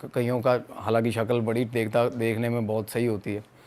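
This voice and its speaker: A man's voice: medium pitch, normal speed. A young man from Punjab telling a spooky story in casual podcast talk, acting out his friends' lines and mixing in English and Punjabi. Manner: animated, acts out quoted friends, mixes in English and Punjabi. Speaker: guest storyteller.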